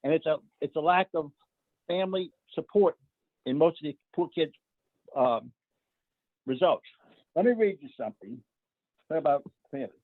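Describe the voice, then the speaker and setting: A man on a video call in a group discussion, talking in a halting, argumentative way with many "uh"s. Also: fairly high pitch, lively intonation, dry recording. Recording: dry, tinny phone-like line.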